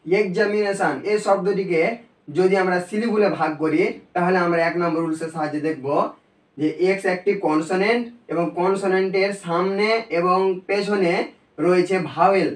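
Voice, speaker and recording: A man teaching a recorded video lesson, explaining step by step in a slow, patient way. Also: high voice, fairly even intonation. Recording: echoey room, voice from a distance.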